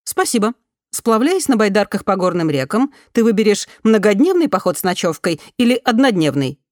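A woman's voice: mid-range voice, sing-song, fairly quick, dry recording, clean studio sound, pitched above the performer's own voice, lightly acted. A woman voicing a polite, announcer-like automated female survey voice that asks questions.

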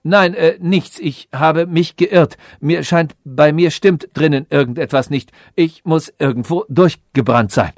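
A man's voice: a little high, measured pace, few pauses, dry recording, clean studio sound, pitched above the performer's own voice. A man voicing a vain, cunning female calculating machine from a storybook, lecturing in a lofty, scheming manner. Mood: musing.

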